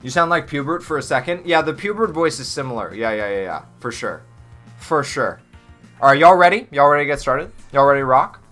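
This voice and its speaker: A man's voice: medium pitch, lively intonation, a little fast, fairly bright tone, soft background music. A man hosting a casual game livestream, talking to chat in a playful, chatty, goofy way. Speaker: streamer.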